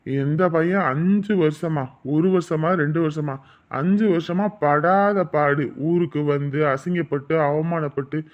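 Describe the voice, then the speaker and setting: An actor playing an older village grandfather, speaking in a measured, grumbling way. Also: fairly high pitch, natural voice. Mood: complaining. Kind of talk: village family drama. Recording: slightly dull lo-fi sound.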